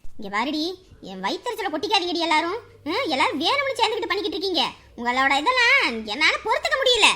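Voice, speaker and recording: A woman's voice: very high-pitched, very animated, fast talker, pushed and bright, full character voice. Brief: middle-aged mother-in-law, nagging and resentful, scolds on and on in a family drama. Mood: bitter ranting. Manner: scolding, complaining at length. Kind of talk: scripted web series acting.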